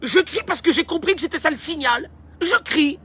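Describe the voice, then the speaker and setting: A man's voice: very high-pitched, a little fast, bright, forceful tone, pitched above the performer's own voice. A man voicing a newborn baby in its crib, whining about being fed in a fretful, complaining way. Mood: matter-of-fact.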